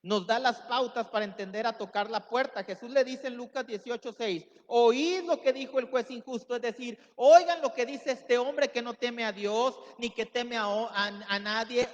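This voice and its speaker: A man giving a sermon as pastor, preaching with emphatic rises and acting out quoted voices. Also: extremely high pitch. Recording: dull sound with long hall reverb.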